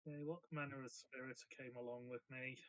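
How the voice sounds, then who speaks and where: A man's voice: medium pitch, level tone, brisk, a bit bright. A man taking part in a tabletop game as a player, talking casually. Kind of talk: casual chat.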